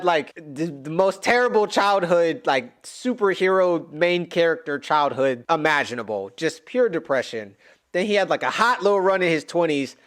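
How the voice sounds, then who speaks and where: A man with a fairly high voice that swings widely in pitch, talking through his reaction to a musical. He sounds animated and emotional, often exclaiming and rambling from one thought to the next. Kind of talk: casual reaction commentary.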